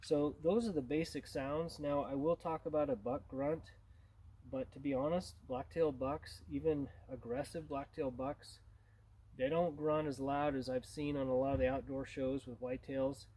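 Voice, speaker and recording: A man's voice: mid-range voice, steady tone, normal speed, dark tone, poor audio. A man gives an informal tutorial as a hunting instructor, in a plain-spoken, conversational way.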